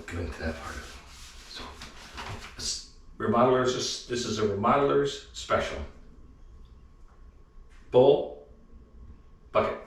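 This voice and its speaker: A man's voice: on the low side, a little hiss or hum. A middle-aged man remodeling his house, rambling through dry, self-mocking jokes as he shows off a new toilet. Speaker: home remodeler. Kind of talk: casual joking vlog. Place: room of a house under remodel. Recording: echoey bare room, mic at a distance.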